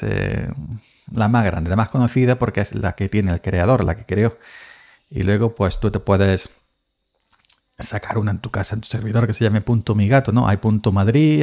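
Gravelly Andalusian man, rambling podcaster. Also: fairly low pitch, darkish tone. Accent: Andalusian Spanish. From Andalusia, Spain. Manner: rambling, with many restarts and repeated words. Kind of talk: casual solo monologue.

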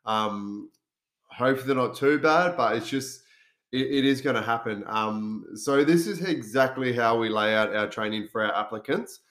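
A man's voice: mid-range voice, normal speed, a bit bright. An Australian man with a nasal voice, congested from a cold, explaining things informally as a podcast host and fitness coach. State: has a cold. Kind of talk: casual solo podcast talk.

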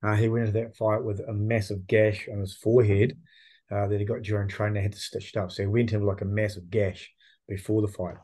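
A man's voice: lowish voice, level tone, quick pace, dark tone. A man with a New Zealand accent co-hosting a podcast, chatting casually about combat sports in slangy, blokey language. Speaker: podcast co-host.

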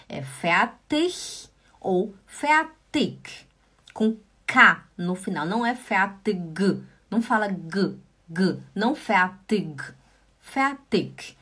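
A woman from Brazil teaching German in a casual online lesson, chatty and patient, repeating examples slowly and checking in with her viewers. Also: fairly high pitch, fairly bright tone. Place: lives in Switzerland.

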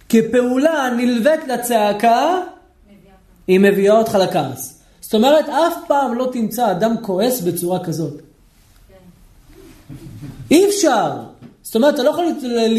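A man, a rabbi, teaching a lively Torah lesson, questioning his listeners and acting out shouting people. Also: very high voice, roomy sound. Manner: animated, asks the audience questions, acts out shouting people.

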